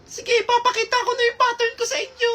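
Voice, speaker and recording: A woman's voice: extremely high pitch, little pitch movement, fairly quick, very noisy, voice pushed up. A woman doing a moody, dramatic schoolgirl. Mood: brooding. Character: odd, gloomy schoolgirl classmate.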